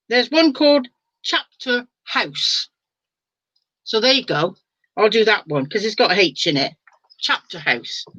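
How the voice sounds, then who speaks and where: Slow, chatty older woman. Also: on the high side, a bit bright, no room sound, lo-fi sound. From England. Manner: chatty, laughs often, reads viewer comments aloud. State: sleepy, yawning. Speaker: live-stream host reading to viewers. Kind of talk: casual live-stream chat. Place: at home.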